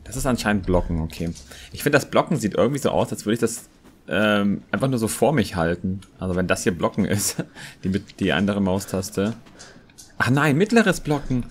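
A young man quietly commenting as he plays a horror game, hesitant and thinking aloud. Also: on the low side, expressive, moderate pace, slight background noise. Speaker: let's player. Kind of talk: gameplay commentary.

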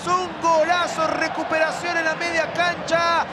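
A man doing breakneck, excited football play-by-play with drawn-out goal calls. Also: extremely high pitch. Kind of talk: breakneck, shouted goal commentary. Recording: loud stadium crowd noise behind. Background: roaring stadium crowd.

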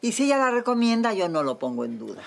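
An actress playing a composed, faintly aloof restaurant owner. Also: female voice, medium pitch, sing-song, fast, vocal fry. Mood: poised. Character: cool, poised woman restaurant owner.

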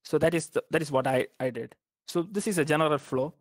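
A man's voice: on the high side, fast talker, dry recording. A young man from Kerala, India, giving informal advice on graduate school applications, speaking hesitantly with many fillers and restarts. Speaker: guest speaker. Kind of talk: informal academic advice talk.

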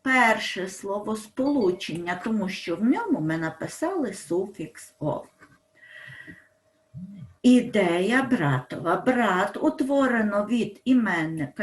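A woman teaching a school language lesson, explaining slowly, stressing example words and asking her pupils questions. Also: medium pitch, reverberant.

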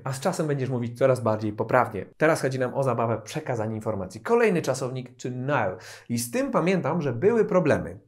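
A man teaching English pronunciation in a casual spoken lesson, explaining patiently and repeating example phrases slowly. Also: a little high.

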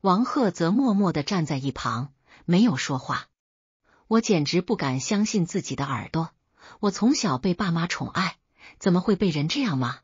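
A woman narrating a first-person family drama story in a steady, even reading. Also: lowish voice, normal speed, husky, no echo, highs cut off.

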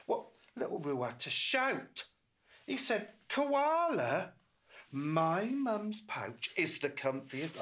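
Older man reading to young children, swooping expressively. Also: mid-range voice. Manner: reading to a toddler: animated, coaxing, with questions and asides. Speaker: storyteller reading a picture book to children. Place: small children's room indoors, seated close to young children.

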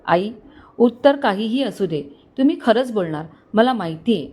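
A woman's voice: medium pitch, expressive, normal speed, a little mellow, breathy edge. A woman voicing a tearful young wife. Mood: tender. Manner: pleading, emotional. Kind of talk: storybook dialogue.

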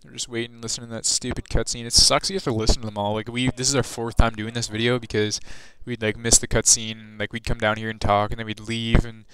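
A teenage boy talks through a video game tutorial in a loose, rambling way, full of fillers and restarts. His voice is smooth and clear, at a middle pitch for a guy. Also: level tone, fast, hardly any pauses, fairly bright tone, dry recording. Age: teens. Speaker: gaming video host. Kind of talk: casual gameplay walkthrough commentary.

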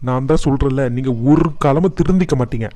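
A man's voice: medium pitch, fast, dark tone, dry recording, lightly acted. A man voicing a protective young husband in a cartoon, speaking earnestly and firmly. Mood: angry. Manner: earnest, firm.

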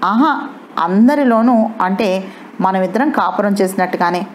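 A woman's voice: medium pitch, lively intonation, a little slow, slight background noise, lightly acted. Bhanumathi, a cool, defiant wife, read by a woman. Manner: cool, cutting retorts.

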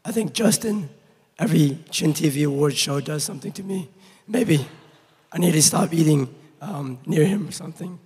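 Hoarse, raspy man in a big hall. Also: fairly high pitch, a little mellow. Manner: halting, with many ums. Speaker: award recipient. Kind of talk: acceptance speech. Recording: long reverb of a large hall.

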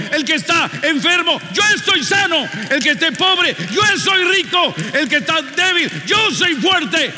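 A male preacher delivering a fervent sermon, pushing into shouted call-and-response and then dropping to low, earnest appeals. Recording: long hall reverb with faint music.

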